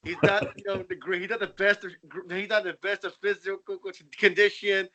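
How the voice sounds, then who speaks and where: High, bright-voiced joking man. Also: little pitch movement, brisk, dull audio. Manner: laughing, rambling storyteller. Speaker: podcast co-host. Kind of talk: casual banter.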